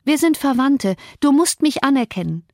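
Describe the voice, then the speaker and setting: A woman's voice: high-pitched, very animated, normal speed, a little mellow, dry recording, studio quality, voice pushed up. A woman doing a proud, tearful young woman. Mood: pleading. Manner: pleading, tearful outbursts. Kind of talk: audiobook character voice.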